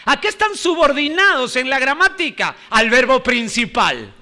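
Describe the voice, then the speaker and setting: A man's voice: extremely high pitch, very animated, moderate pace, bright, forceful tone. A male pastor preaching a sermon, emphatic, repeating key phrases and quizzing the congregation.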